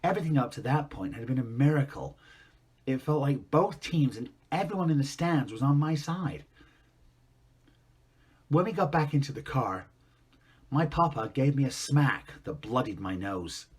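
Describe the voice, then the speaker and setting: An actor playing a grown man recalling a harsh father in a quiet, reflective monologue. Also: medium pitch, animated, moderate pace, slightly rough. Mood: wistful. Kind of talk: dramatic monologue.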